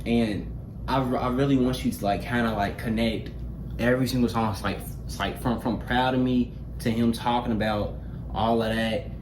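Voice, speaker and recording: A man chatting casually in a halting, repetitive way, often leaning on the word "like". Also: mid-range voice, steady tone. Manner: halting, repetitive, heavy use of "like". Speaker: reaction show host. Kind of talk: casual chat. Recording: echoey room with clear noise.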